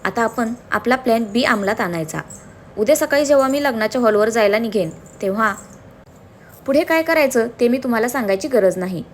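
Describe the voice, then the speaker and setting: A woman's voice: on the high side, animated, brisk, slight background noise, lightly acted. A woman voicing a sly scheming young man, a villain in a storybook, with a sneering manner.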